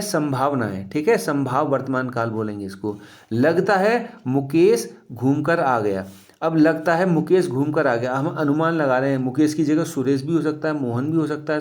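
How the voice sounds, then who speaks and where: A man teaching a grammar lesson, explaining step by step and often asking his students questions back. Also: fairly high pitch.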